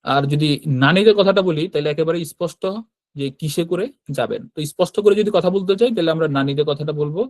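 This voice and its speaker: A man teaching a grammar lesson at a brisk clip, talking in a fairly high voice. He explains patiently and keeps checking that his listeners follow. The sound is close and dry, with no room echo. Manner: explanatory, checks understanding with frequent tag questions. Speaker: Japanese language teacher. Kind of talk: classroom-style grammar lesson.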